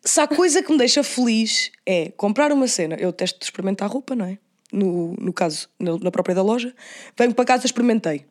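A woman's voice: medium pitch, expressive, fast, a little mellow. A young woman with a European Portuguese accent chatting casually as a podcast co-host, slangy and switching into English phrases. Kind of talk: casual chat.

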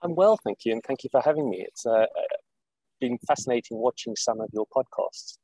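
A man from South Africa, an executive director, explains his work in an interview over a video call, talking in a measured way with many fillers and restarts. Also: mid-range voice, lively intonation, dark tone, breathy edge, no room sound, rough recording. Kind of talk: interview conversation. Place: Saudi Arabia, remote call.

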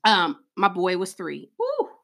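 A young adult woman co-hosting a casual chat about motherhood. She talks in an animated way, laughs often and calls listeners girl and honey. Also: fairly low pitch, slow pace, gravelly. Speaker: podcast co-host.

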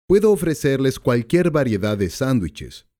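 A man's voice: medium pitch, very animated, normal speed, mellow, pitched above the performer's own voice, lightly acted. A man voicing a patient, polite young male counterman at a diner who explains and lists the food in an audiobook. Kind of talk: audiobook character voice.

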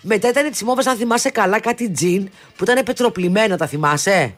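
Rambling woman storyteller in her fifties. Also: mid-range voice. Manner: rambling storyteller with many restarts and asides. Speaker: radio show co-host. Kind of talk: casual chat, storytelling.

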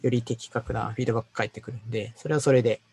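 A man's voice: mid-range voice, steady tone, rapid-fire, darkish tone, slightly rough. A man, also a designer, speaking in a casual work conversation, hesitant, with many fillers and stumbled words.

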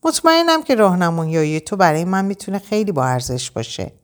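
A woman's voice: on the low side, huge pitch swings. A woman voicing an anxious, spoiled rich young woman who pleads and stammers in an audiobook. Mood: pleading.

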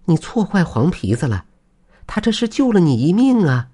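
An earnest village wife in a spoken folk tale presses her husband with heartfelt urging, voiced by a man. He lifts his voice high above his usual register, keeping a husky edge. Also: sing-song, moderate pace, dark tone, heavily acted. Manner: earnest, pleading.

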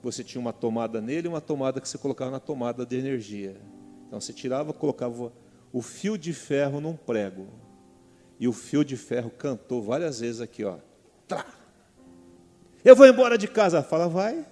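A middle-aged man with a Brazilian Portuguese accent delivers a sermon, his voice warm and mellow. He keeps turning to the congregation with quick questions for their agreement. The sound rings in a church hall with a long reverb and faint music underneath. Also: mid-range voice. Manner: calls out to the congregation with repeated "amen?" questions. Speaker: pastor.

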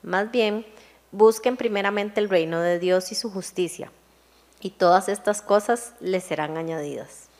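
Woman reading scripture out loud, steady and measured, middle pitch. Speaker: scripture reader. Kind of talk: reading Bible verses aloud.

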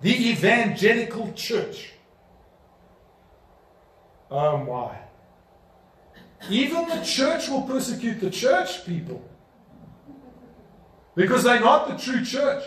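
A man with a high voice preaches a sermon, pressing his points with emphatic rhetorical questions. He is picked up from some distance, and the church hall around him rings with echo. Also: sing-song, takes it slowly, pauses often, a bit bright. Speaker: pastor. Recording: echoey room, voice from a distance.

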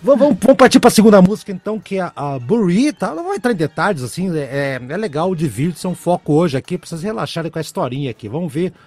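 A man chats casually as a podcast host, rambling through a story with lots of fillers. His voice sits fairly high and swings up and down in a very animated way. The recording is dry and close. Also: quick pace, few pauses, dry recording, faint music behind. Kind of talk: casual chat.

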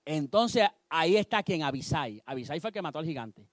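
A man preaching a sermon, telling a story with animated delivery and acting out the characters. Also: fairly high pitch, brisk, dry recording, studio quality.

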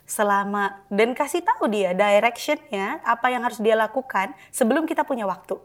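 A woman guest on a podcast who explains parenting advice at length in a lively, casual way. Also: on the high side, normal speed. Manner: explains at length, lively, acts out calm soft-spoken examples.

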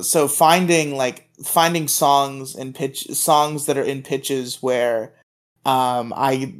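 Rambling, stammering male podcast co-host. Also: mid-range voice. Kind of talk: casual chat.

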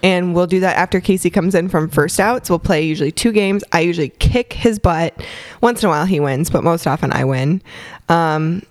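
A young woman chatting on a podcast, her voice sitting a little low for a woman. She sounds slightly stuffy from a cold, rambling easily with fillers and quick laughs. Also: dry recording. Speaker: podcast co-host. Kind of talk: casual chat.

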